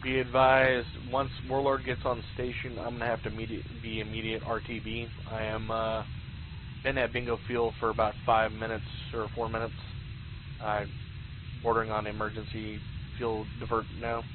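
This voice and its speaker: A man's voice: fairly low pitch, monotone, moderate pace. A man, a jet pilot, giving clipped military radio calls through an oxygen mask radio, with hesitant fillers between phrases. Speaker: attack jet pilot in a flight sim exercise. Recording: narrow radio line with noise.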